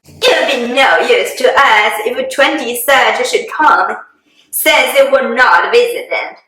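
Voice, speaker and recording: A woman playing a fussy, excitable, self-pitying middle-aged wife and mother in a hammy, theatrical dramatic reading. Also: a little high, slow, full character voice. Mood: indignant, aggrieved. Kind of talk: dramatic reading of a classic novel. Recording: very echoey room.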